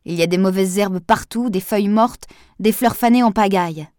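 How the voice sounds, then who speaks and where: A woman voicing a hoarse, stubborn male gardener in an audiobook. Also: mid-range voice, moderate pace, darkish tone, no echo, studio quality, natural voice. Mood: agitated. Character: gruff insistent male gardener, rough voice.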